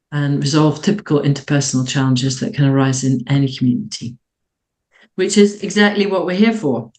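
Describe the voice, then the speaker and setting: A webinar host introducing a guest speaker over a video call, reassuring and unhurried with a few fillers. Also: medium pitch, a little mellow, rough recording.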